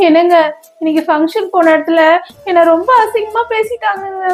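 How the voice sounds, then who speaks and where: A woman's voice: very high voice, fairly quick, darkish tone. A woman playing an emotional, scolding wife in a comedy skit. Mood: hurt. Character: wife, touchy, then tender to the adopted boy.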